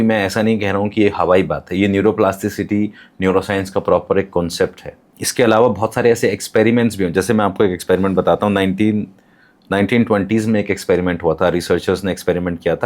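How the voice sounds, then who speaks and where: A man speaks as a podcast guest in a lowish voice. He explains patiently, giving examples and using English terms. His manner is calm and instructive. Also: fast.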